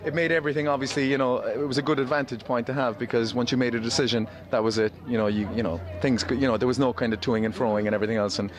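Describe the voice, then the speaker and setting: A man's voice: mid-range voice, steady tone, rapid-fire, hardly any pauses. An Irish-accented man chatting casually in an interview, jokey and rambling. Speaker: film writer-director being interviewed. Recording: busy crowd noise behind.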